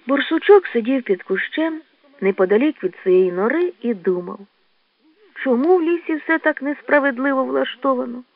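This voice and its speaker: A woman reads a children's story with expressive, animated delivery. Her voice sits high and moves a lot. The recording is dry and thin like a phone line. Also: normal speed, no room sound. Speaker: audiobook narrator. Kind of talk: scripted children's story narration.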